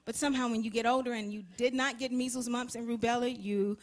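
A young woman speaking as a guest on a television talk show, earnest and softly enthusiastic. Her voice sits fairly high. She talks about her faith with warmth in her words. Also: fairly even intonation, fast talker. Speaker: gospel singer, interview guest.

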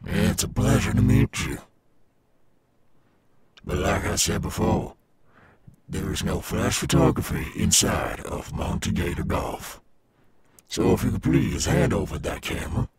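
A man playing a cool, swaggering animatronic alligator rockstar in an ASMR roleplay, gravelly and coaxing, as if talking to a child. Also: low-pitched, darkish tone, a little hiss or hum. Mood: friendly but firm. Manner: slow, coaxing, addressing a child listener. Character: cool, swaggering male animatronic alligator rockstar guarding his golf course.

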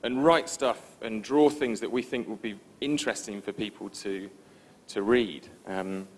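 A man giving a conference presentation in a relaxed, informal, self-deprecating way, with frequent ums. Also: on the low side, a little slow, a little hiss or hum. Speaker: conference speaker. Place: conference stage before an audience.

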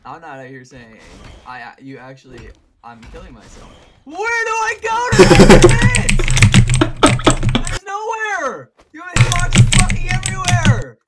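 A man's voice: very high-pitched, huge pitch swings, measured pace. Explosive young male gamer, wildly swinging voice. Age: young adult. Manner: explosive, swings from muttered complaints to screamed rage. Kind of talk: casual gaming chat with profane outbursts. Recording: noisy game voice chat with clicks.

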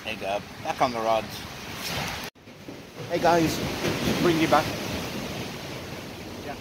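A man's voice: on the high side, expressive, takes it slowly. An older man chatting casually to viewers in an outdoor fishing vlog, with wind on the mic. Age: older, around 50s to 60s. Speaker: angler vlogger. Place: outdoors on a windy seaside pier. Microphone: handheld or tripod-mounted phone. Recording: loud wind buffeting the mic. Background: wind and sea noise.

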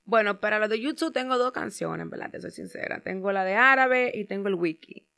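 A hoarse young woman, a music artist being interviewed, talking in a bashful, hedging way with many fillers. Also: mid-range voice, lively intonation, a little fast, pushed and bright. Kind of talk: casual interview chat.

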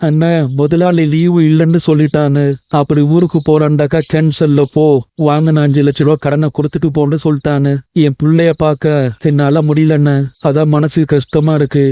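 A man playing a homesick young husband, flat-voiced. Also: fairly high pitch, normal speed, clean tone, close to an everyday voice. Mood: earnest. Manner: earnest and pleading. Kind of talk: Tamil cartoon voice acting.

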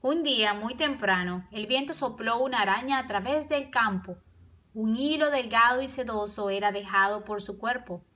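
A woman reading a children's picture book aloud in a lively, sing-song storytelling manner, mimicking the animals' sounds. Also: fairly high pitch, moderate pace.

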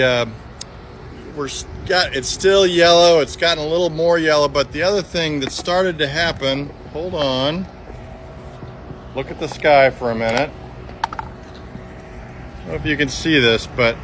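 A man's voice: mid-range voice, a bit bright, a little hiss or hum. Chatty man filming himself outdoors. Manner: chatty, hands-on, restarts often. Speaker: sawmill company video host. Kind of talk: casual selfie video demonstration. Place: outdoors beside a metal building in hot sun. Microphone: phone camera at arm's length.

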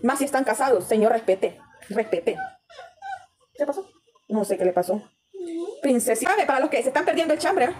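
A woman's voice: on the high side, lively intonation, moderate pace, long pauses, darkish tone, a little hiss or hum. A woman with a Salvadoran accent ranting bluntly and with lots of swearing in a livestream gossip commentary, talking straight to her viewers. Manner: addresses viewers directly with tag questions. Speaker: TikTok livestreamer.

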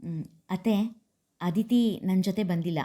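A woman's voice: mid-range voice, a little slow, dark tone, close to an everyday voice. A woman voicing a responsible young married man who speaks practically and respectfully.

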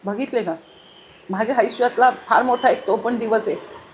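A woman's voice: fairly high pitch, normal speed, darkish tone, slight background noise. Earnest middle-aged woman recalling past work. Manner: earnest, emphatic, lists details in long runs. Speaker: former mayor, interview guest. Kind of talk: reminiscing interview answers.

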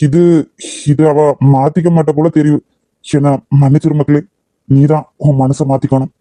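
A woman's voice: low voice, level tone, moderate pace, mellow, dry recording, voice pushed down, lightly acted, poor audio. A woman voicing a weary middle-aged father who apologizes, with a Kanyakumari Tamil accent. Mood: regretful.

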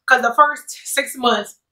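Speaking slowly with a bright, forceful voice on the high side, this woman in her late thirties is a mukbang vlogger chatting to camera as she eats. Her manner is sassy, playful and rambling. She sits at a table indoors, recorded by a distant mic with roomy echo.

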